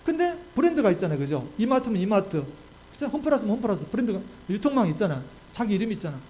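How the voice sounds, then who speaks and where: High-voiced, fast-preaching male pastor. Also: slight background noise. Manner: animated, with frequent rhetorical questions to the congregation. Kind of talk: sermon. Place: church sanctuary.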